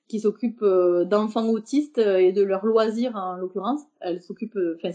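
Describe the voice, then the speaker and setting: Femme invitée à la voix douce et chaude. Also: female voice, mid-range voice, dark tone, lo-fi sound. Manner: hesitant, many fillers and restarts. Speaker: podcast guest, embroiderer. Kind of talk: casual interview talk.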